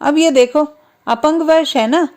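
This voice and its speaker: Woman reader as mocking rich master, high, jeering storybook voice. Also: measured pace. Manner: jeering, loud laughing. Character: coarse, mocking wealthy master of the house.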